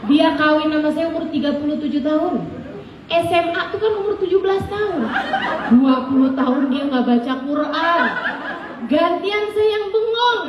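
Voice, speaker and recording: High-voiced woman preacher telling a story. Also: moderate pace, lo-fi sound, noisy background. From Indonesia. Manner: lively storytelling, acting out dialogue with laughter. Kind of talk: religious talk with personal anecdote. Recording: echoey room, distant mic, faint ambience.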